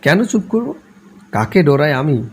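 A man voicing a scolding, sharp-tongued old grandmother in a read-aloud novel, shrill and scornful. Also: big pitch swings, a little slow, a little hiss or hum.

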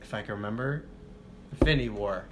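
A man's voice: lowish voice, quick pace, noisy background. A man co-hosting a podcast in casual chat, blunt and joking, breaking into laughter. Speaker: podcast co-host.

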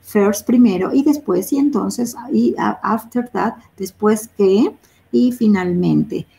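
Gravelly-voiced woman teaching English. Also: medium pitch, slow pace, mellow. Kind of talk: bilingual classroom explanation.

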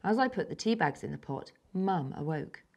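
A schoolgirl of about ten from England reads her own story aloud. Her voice is rather low for her age, and she reads carefully and evenly, slipping into soft, breathy passages now and then. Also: sing-song, normal speed, highs cut off. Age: child, about 10. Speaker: young story author.

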